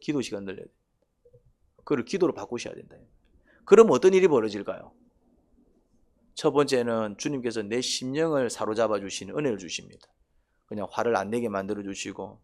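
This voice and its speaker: Pastor with a lilt. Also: male voice, mid-range voice. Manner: asks the congregation questions, acts out quoted voices. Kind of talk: sermon.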